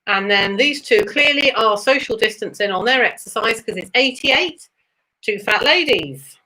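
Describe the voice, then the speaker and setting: A woman's voice: a little high, animated, normal speed, sharp tone, poor audio. A woman with a British accent working as a bingo caller, announcing numbers in a sing-song manner with chatty asides. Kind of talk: bingo calling with traditional rhyming number nicknames.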